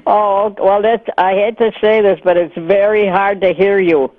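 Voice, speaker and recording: A woman's voice: mid-range voice, fairly even intonation, a little slow, phone-quality sound. A woman calling in to a radio show by phone, answering in short, laid-back replies. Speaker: caller. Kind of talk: casual phone-in chat.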